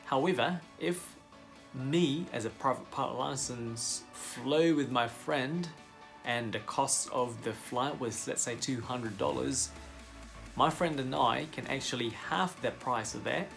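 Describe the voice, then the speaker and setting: A man's voice: medium pitch, unhurried, creaky, a bit bright, faint music behind. A young man with a Filipino accent, a commercial pilot casually explaining pilot licenses to his viewers, friendly and full of fillers. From Philippines. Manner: friendly, direct address to viewers, frequent fillers.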